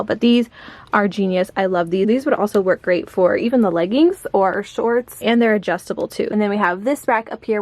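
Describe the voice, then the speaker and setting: A woman's voice: medium pitch, a little mellow, no echo. A young woman giving a chatty, upbeat closet tour for her vlog, talking to camera with light laughs. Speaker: home organization vlogger.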